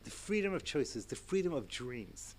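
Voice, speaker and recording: A man in his sixties giving a Torah lecture to an audience, animated and chatty, with asides and chuckles. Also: mid-range voice, normal speed. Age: 60s. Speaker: rabbi and lecturer.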